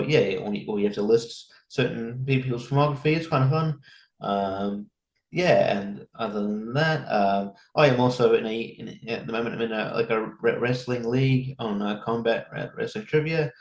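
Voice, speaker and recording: A man, a comedian guest chatting casually on a podcast in a halting, rambling way with many restarts. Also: on the low side. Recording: roomy echo.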